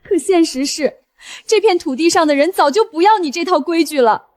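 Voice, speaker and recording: A woman's voice: extremely high pitch, lively intonation, a little fast, a little mellow. A woman playing a worn-out, anxious wife. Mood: bitter. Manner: reproachful. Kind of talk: drama voice acting.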